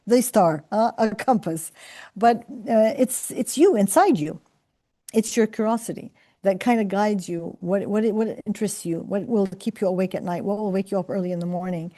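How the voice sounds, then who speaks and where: A woman's voice: medium pitch, moderate pace, warm tone. Earnest middle-aged woman. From Palestine. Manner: reflective, earnest, many fillers and restarts. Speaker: professor and scientist. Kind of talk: career talk to students.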